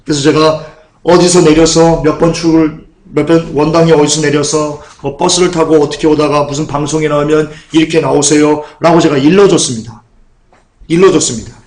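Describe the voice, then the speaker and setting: A man pastor delivers a sermon in a church sanctuary. His voice sits a little high, and the room adds a roomy echo. He talks in a conversational way, circling back to repeat his point and asking the listeners questions. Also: fairly even intonation, a little fast, a little mellow. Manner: conversational, repeats phrases, asks the congregation questions.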